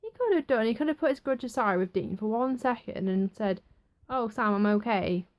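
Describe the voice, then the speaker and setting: Young woman, casual reviewer, chatty and excitable. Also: a little high, brisk. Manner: chatty, excitable, acts out quotes. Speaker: TV episode reviewer.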